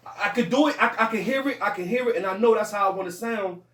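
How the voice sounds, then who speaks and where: Male rapper as podcast guest, high voice, profane and excitable, heard off-mic in an echoey room. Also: fast, distant mic. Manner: profane, animated, laughs a lot, many restarts. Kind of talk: casual podcast chat. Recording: roomy, off-mic, faint noise.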